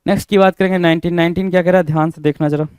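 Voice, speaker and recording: Man drilling vocabulary in a dry, mellow voice. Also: on the high side, steady tone, rapid-fire, smooth, no echo. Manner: repetitive, spells words letter by letter, quizzing the viewer; mixes Hindi and English. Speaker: English vocabulary teacher. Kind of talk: exam-prep vocabulary lesson.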